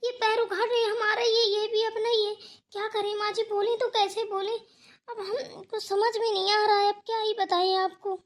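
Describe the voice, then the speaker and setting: A woman's voice: extremely high pitch, level tone, normal speed. A woman voicing a young village daughter-in-law in a cartoon who complains dramatically and tells tales. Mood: distressed. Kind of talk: cartoon voice acting.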